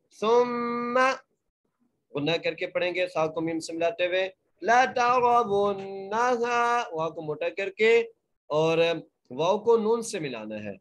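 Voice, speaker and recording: A man teaching Quran recitation in an online class, explaining each letter rule plainly and then chanting each word slowly and drawn out. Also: on the high side. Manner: polite, asks students to mute. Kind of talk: online Quran tajweed lesson.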